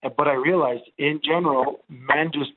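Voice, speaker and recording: Calling in on a tinny phone line, a fortysomething ex-football player from Montreal, Canada, native Italian speaker, talks casually on the radio. His voice is on the high side and steady, his pace moderate, his talk rambling and full of fillers.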